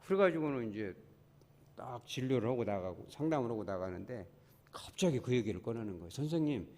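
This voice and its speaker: A male pastor preaches to his congregation and tells a story, acting out the voices of the people in it. His pitch rises and falls widely, and he keeps turning to the listeners with questions. The long echo of a church hall trails after each phrase. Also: brisk. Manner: storytelling with lively quoted dialogue, asks the congregation questions. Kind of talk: sermon. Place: church sanctuary.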